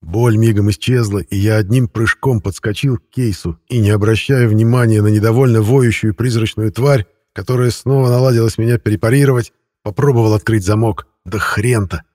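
Low, husky male audiobook narrator. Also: fairly even intonation, brisk, a little mellow, no room sound, studio quality. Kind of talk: scripted first-person narration.

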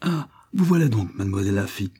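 A man's voice: mid-range voice, brisk, mellow, breathy edge, pitched above the performer's own voice, natural voice. A man doing an eager lovestruck little grocer. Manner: eager, effusive.

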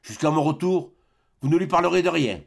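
Brief: man voicing a cold, curt old miser, flat calm storybook father. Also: on the high side, a little fast, vocal fry. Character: stern miserly old male winegrower.

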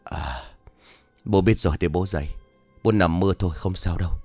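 A man's voice: low-pitched, moderate pace, no room sound, faint music behind. A frightened old grandfather, jumpy and shaken, voiced by a man reading the tale. His lines swing between panic and a faint mutter. The sound is close and dry. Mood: weak. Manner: frantic when shouting, faint and breathy when whispering.

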